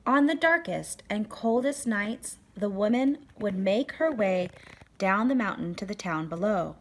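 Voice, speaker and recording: Reading a children's picture book aloud, a woman narrator speaks at a middling pitch with careful, deliberate phrasing. She gives the important words a dramatic, expressive push.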